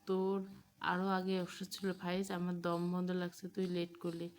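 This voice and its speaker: A woman's voice: lowish voice, level tone, moderate pace, natural voice. Woman reading as a teasing young man. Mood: sad.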